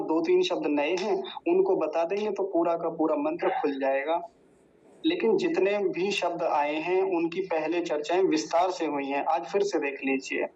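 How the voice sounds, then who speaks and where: A man teaching Sanskrit mantra pronunciation in a class, patiently repeating each word slowly. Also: a little high, darkish tone. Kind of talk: online class lesson, slow word-by-word drilling. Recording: dull lo-fi sound with faint noise.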